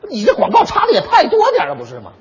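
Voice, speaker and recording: A man performing comic crosstalk, telling an old hero story with an animated storyteller's delivery and sputtering when flustered. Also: extremely high pitch, rapid-fire. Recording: dull sound with long hall reverb.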